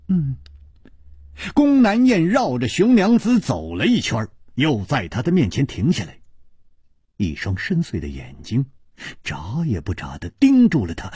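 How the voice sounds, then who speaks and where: A man narrating a story and voicing its figures, in a measured, expressive storytelling manner. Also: medium pitch, slightly rough, no room sound, clean studio sound.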